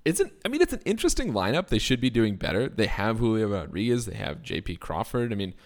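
A low-voiced man talks fantasy baseball in a loose, casual chat. His pitch swings widely, and he jumps between laughs and quick bursts of enthusiasm. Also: sing-song. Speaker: fantasy baseball podcast co-host.

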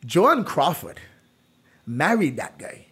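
This quiz host has a somewhat high, slightly rough voice and takes his time. He runs a casual true-or-false quiz, telling stories animatedly and dropping "like" constantly.

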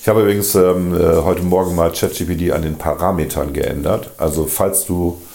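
Deep gravelly man, chatty and pedantic. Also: fairly even intonation, moderate pace, darkish tone. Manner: pedantic about pronunciation, laughs a lot. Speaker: podcast host. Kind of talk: casual chat. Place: home kitchen. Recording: echoey kitchen.

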